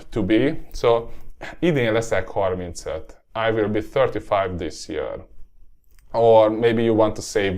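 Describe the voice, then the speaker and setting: Male teacher, lowish voice, relaxed lesson pace, filler-heavy. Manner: relaxed, lots of fillers and tag "yeah?". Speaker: Hungarian language teacher. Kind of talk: language lesson.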